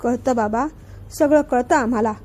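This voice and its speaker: A woman's voice: a little high, normal speed, dark tone, natural voice. A woman reading the lines of a bossy, sulky little girl in a storybook reading. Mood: pouting. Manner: childish pouting talk.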